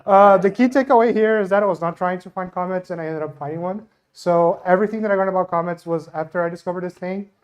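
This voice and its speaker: Here the young Brazilian astronomer, whose first language is Portuguese, races along with few pauses, his high voice smooth. He's giving a lighthearted, self-deprecating science talk at a live event, speaking into a handheld mic.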